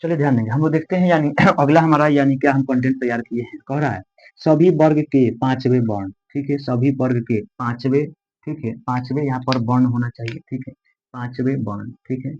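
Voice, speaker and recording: A male teacher walks students through a grammar lesson. He repeats each term slowly and quizzes the class as he goes, at a middling pitch. The recording sounds dull and lo-fi. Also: a little mellow. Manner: repetitive, drills terms slowly.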